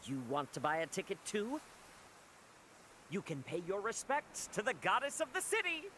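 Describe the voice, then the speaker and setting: A man voicing a showy street barker in a video game, calling out to passers-by with drawn-out words. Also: high-pitched, huge pitch swings, sharp tone, slight background noise, heavily acted. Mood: showy, inviting. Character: showy street barker touting a dancer's show.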